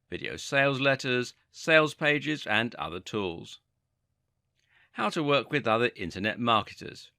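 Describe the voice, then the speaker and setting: A man's voice: medium pitch, creaky, bright, forceful tone, no room sound, studio quality. A man narrating an online marketing course in a scripted, upbeat and persuasive manner.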